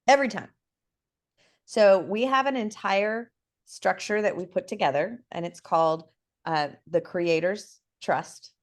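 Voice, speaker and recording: A woman's voice: medium pitch, a little slow. A woman talking casually as a guest expert, explaining things in a chatty way and often checking in with "right?". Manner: lively, chatty, lots of "right?" and fillers. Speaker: guest expert on NFT projects.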